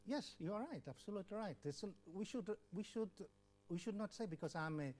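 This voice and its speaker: Over slight background noise, an older Bangladeshi man who served as WHO country representative speaks fairly quickly in a high, slightly mellow voice with lively intonation. He earnestly tells his life story in an interview. He repeats words and acts out quoted dialogue.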